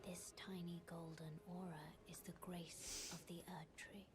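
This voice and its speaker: A woman acts a solemn maiden who guides the hero in a dark fantasy game. She speaks gently and formally in a breathy, fairly low whisper, with clearly noisy ambience around the voice. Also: flat delivery, unhurried, lightly acted. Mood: solemn, reverent. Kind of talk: fantasy video game dialogue.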